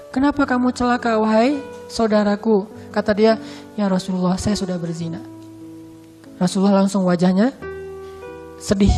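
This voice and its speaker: A woman preaching lively in an echoey hall. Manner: lively storytelling, acts out dialogue with shifting pitch. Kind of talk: casual conversational sermon. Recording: echoey hall with music behind.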